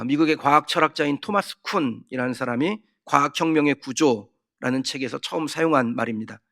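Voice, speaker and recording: A man's voice: on the high side, pushed and bright. A man, a pastor, preaching a sermon in earnest, asking rhetorical questions and now and then rising sharply for emphasis. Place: church sanctuary.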